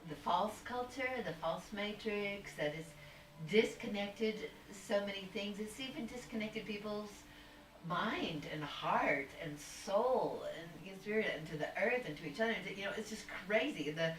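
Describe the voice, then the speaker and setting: Casual conversation over a video call: a woman guest rambles at length, spiritual and searching, restarting frequently. Her mid-range voice is animated and moves at normal speed, captured by a far-off, roomy mic with faint noise.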